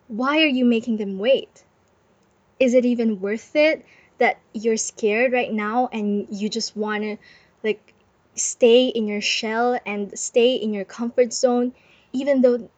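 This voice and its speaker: A woman's voice: on the high side, no echo, muffled recording. Young woman doing a bubbly motivational podcast under blankets, super dry close sound, music behind. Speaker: podcast host. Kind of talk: casual solo podcast monologue. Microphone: close microphone.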